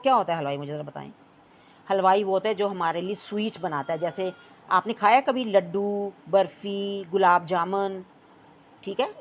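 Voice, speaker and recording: Woman, language teacher, patient, slow repetition drills, mid pitch. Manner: mixes in English phrases. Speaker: Urdu teacher. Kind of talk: children's language lesson.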